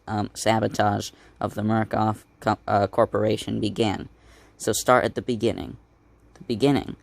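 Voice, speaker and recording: A man reading a comic aloud in a casual way, halting often and correcting himself as he stumbles over words. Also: fairly low pitch, gravelly, dry recording. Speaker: comic book reader.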